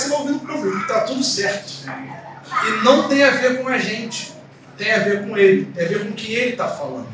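A young man preaching a teaching sermon, telling a story with animated energy and repeating words for emphasis. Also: sits high, a little hiss or hum. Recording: echoey room from a distance.

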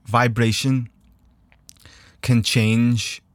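Male guest, average pitch, earnest casual explainer, very dry studio sound. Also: level tone, very slow, no echo. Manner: earnest explainer, often checks "you know what I mean". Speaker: podcast guest. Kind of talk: casual, philosophical chat. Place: podcast studio.

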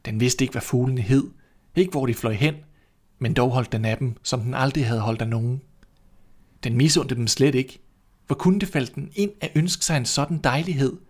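A man narrates a fairy tale in a calm, measured way. His reading is expressive without being showy. His voice sits at a middle pitch. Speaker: storyteller. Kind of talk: scripted storybook narration.

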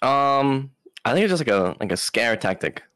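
A man's voice: mid-range voice, very animated, moderate pace, fairly bright tone, clean tone, no room sound, clean studio sound. Hesitant eighteen-year-old guy. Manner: hesitant, lots of "like" and "I don't know". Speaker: guest. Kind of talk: casual chat.

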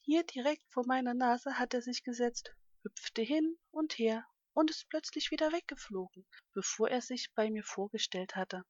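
Storybook role: eager little boy elephant, high and childlike, put on by a woman reader; dry, muffled sound. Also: normal speed, hardly any pauses, no room sound, lightly acted. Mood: plaintive. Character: little male elephant calf, eager and tearful.

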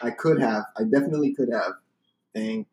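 A man's voice: mid-range voice, very animated, fairly quick, gravelly, a little mellow. A young man, chatting casually as a podcast co-host. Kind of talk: casual chat. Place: basement, indoors. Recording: echoey basement room.

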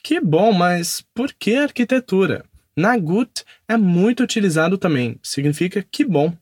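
Man, language teacher, slow clear model phrases, lively intonation, dry recording. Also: sits high, dry recording. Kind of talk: German pronunciation drill in Portuguese.

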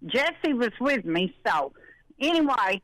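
A woman's voice: fairly high pitch, big pitch swings, takes it slowly, fairly bright tone, no room sound, low-quality recording. Folksy older woman caller, breathless. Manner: folksy, rambling.

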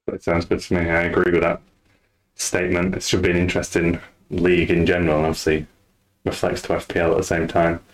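Deep, flat-voiced man hosting a podcast. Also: quick pace. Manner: relaxed, rambling. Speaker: podcast host. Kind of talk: casual podcast chat.

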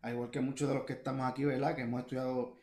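A man's voice: medium pitch, little pitch movement, very fast, darkish tone. A young Puerto Rican man chats as a guest musician over a video call. He rambles, filling his talk with fillers and restarts. His voice sits mid-range and sounds echoey, as if from a bare room. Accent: Puerto Rican Spanish. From Puerto Rico. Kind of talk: casual interview talk.

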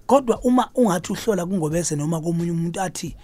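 A male traditional healer speaks with a Zulu accent on a radio advice show. His delivery is extremely quick and the voice is husky and rough-edged. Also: high voice, animated, warm tone, soft background music. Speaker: traditional healer, guest expert.

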